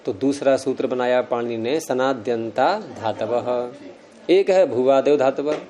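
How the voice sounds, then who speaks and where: A man's voice: mid-range voice, a little slow, warm tone. A man teaching Sanskrit grammar to a class of students, explaining each rule step by step and quizzing them as he goes. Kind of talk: classroom lecture.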